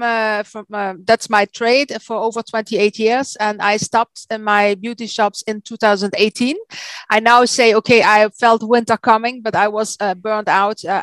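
A woman in her forties from the south of the Netherlands with a Dutch accent, speaking English as a second language, halting with many fillers as a guest on a video call interview. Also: fairly high pitch, no echo. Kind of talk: casual interview chat.

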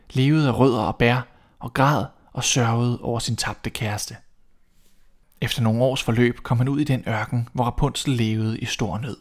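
A man reading a fairy tale aloud as the show's storyteller, in a calm, even way. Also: medium pitch.

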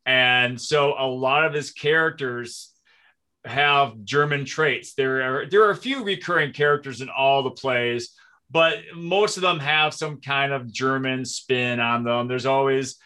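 Bright-voiced chatty Minnesotan man. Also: mid-range voice, unhurried, smooth. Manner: chatty, self-deprecating storyteller. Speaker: podcast guest. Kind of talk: casual conversation.

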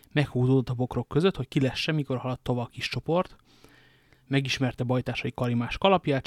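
A man narrating a novel aloud, with even, steady storytelling. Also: mid-range voice, no echo, studio quality. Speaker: audiobook narrator. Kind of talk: novel reading.

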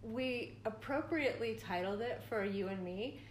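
A woman's voice: fairly high pitch, moderate pace. A middle-aged woman co-hosting a podcast in casual chat, rambling with lots of fillers and frequent laughter. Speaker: podcast co-host. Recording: echoey room, faint noise.

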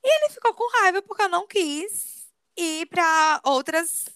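A woman, co-hosting a casual chat and telling gossipy stories in lively slang. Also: very high-pitched, normal speed, dry recording, studio quality. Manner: animated gossipy storytelling with slang. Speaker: podcast co-host.

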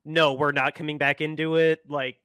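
A man's voice: a little high, flat delivery, normal speed, bright, forceful tone, smooth, no room sound. A man co-hosting a casual sports podcast, pushing back in a hedging way with the filler "no". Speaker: podcast co-host.

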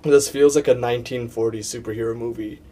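A man's voice: medium pitch, fairly even intonation, quick pace, dark tone, a little hiss or hum. A young man hosting a movie podcast, talking casually and playfully with lots of fillers and restarts. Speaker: podcast host. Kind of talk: casual chat.

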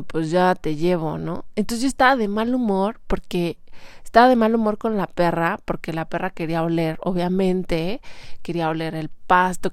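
A woman's voice: on the low side, no echo, clean studio sound. A young Mexican woman telling a story in a chatty, slangy way, quoting others as she goes. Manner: chatty, slangy, animated retelling with quoted voices. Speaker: vlogger. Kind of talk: casual storytelling monologue.

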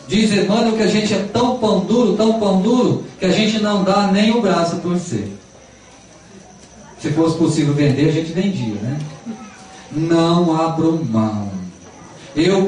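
A man's voice: a little high, darkish tone, a little hiss or hum. A man with a Brazilian accent giving an earnest sermon and telling a parable, stressing key words by repeating them, recorded as an echoey hall sound from far off. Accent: Brazilian Portuguese. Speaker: spiritist lecturer.

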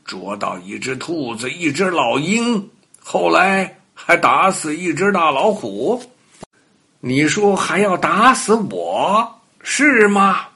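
A man voicing a big storybook lion who speaks with a slow, drawn-out, teasing threat. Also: on the high side, big pitch swings, sharp tone, breathy edge, voice pushed up, full character voice. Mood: mock menacing. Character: big lion (a horse in disguise), mock-menacing.

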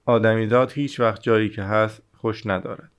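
A man's voice: lowish voice, fairly even intonation, smooth, dull audio, lightly acted. A man reading the part of a weary railway switchman in an audiobook, dry and matter-of-fact.

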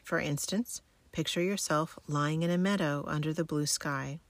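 Low-voiced woman guiding sleep relaxation. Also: fairly even intonation, moderate pace, no echo. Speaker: wellness instructor giving guidance and homework. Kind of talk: scripted guided relaxation, like a sleep narrator.

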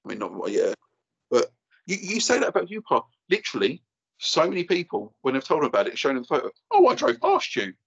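A man's voice: mid-range voice, sing-song, fast, gravelly, a bit bright, breathy edge, lo-fi sound. A man in his thirties with an Essex accent, telling an anecdote in casual, blokey, slangy chat. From Essex, England. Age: 30s. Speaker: podcast guest and YouTuber.

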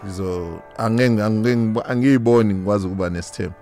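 A man's voice: fairly low pitch, fast, warm tone, soft background music. A South African man with a Zulu accent, speaking casually as an interview guest and switching between languages. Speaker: interview guest, lounge owner.

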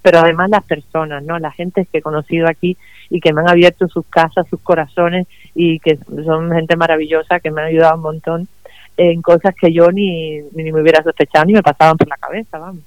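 A woman's voice: sits low, flat delivery, brisk, no echo. Woman on a dull remote line. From Cuba. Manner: warm, enthusiastic, laughs often. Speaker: guest writer. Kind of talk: remote radio interview.

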